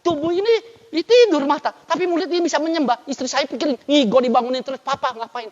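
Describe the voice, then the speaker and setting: An older man preaches in a high, animated voice, swinging between loud and soft. The recording is dull and lo-fi. His words ring with a long reverb, as in a church. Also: fast talker. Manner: lively preaching with dramatic swings in loudness. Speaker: pastor. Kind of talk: sermon.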